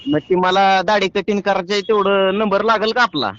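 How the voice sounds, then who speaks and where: A prank caller and show host with a rural Marathi accent pleads persistently and rustically over the phone. His voice is high and steady at a normal pace, and the dull lo-fi call audio carries crowd noise.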